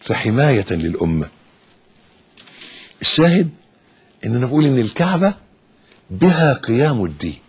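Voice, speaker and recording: A man with an Egyptian accent preaching an impassioned sermon, swinging from hushed to loud. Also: medium pitch, sing-song, moderate pace, pauses often, breathy edge. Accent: Egyptian Arabic.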